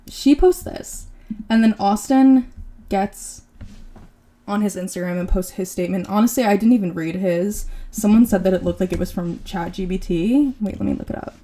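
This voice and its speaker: A woman's voice: mid-range voice, moderate pace, warm tone. A woman in her twenties hosting a podcast, chatting casually and sarcastically about celebrity gossip, with lots of "like". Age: 20s. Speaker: podcast host.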